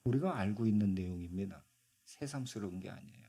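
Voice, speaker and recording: A man's voice: fairly low pitch, expressive, fairly quick, gravelly, warm tone, slightly rough. A male pastor preaching a sermon in a church, in a conversational way, often asking the congregation questions.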